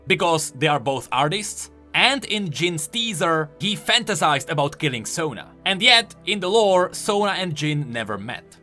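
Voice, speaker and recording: In a video game lore explainer set to background music, a male host narrates his script with dramatic, emphatic storytelling. His fairly high voice comes across as pushed and bright.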